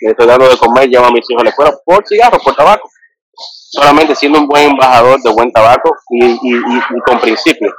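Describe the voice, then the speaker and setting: A man's voice: medium pitch, fast, fairly bright tone, dry recording, rough recording. Earnest Dominican man on a podcast. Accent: Dominican Spanish. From Dominican Republic. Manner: earnest, many fillers and restarts. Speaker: cigar industry guest. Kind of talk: podcast conversation.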